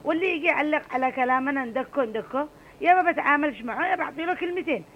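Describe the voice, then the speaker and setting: Calling in to a radio chat program, this middle-aged Adeni woman talks very fast in a high-pitched voice, passionate and emphatic. She's from Aden, Yemen, and the audio is dull, with slight background noise.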